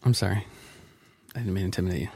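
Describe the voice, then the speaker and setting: A middle-aged man hosting a casual podcast chat, playful and quick to laugh, close to the mic. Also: sits low, steady tone, creaky, darkish tone, slightly rough, no room sound. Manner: playful, laughs often, teasing. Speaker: podcast host. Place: at home, late at night.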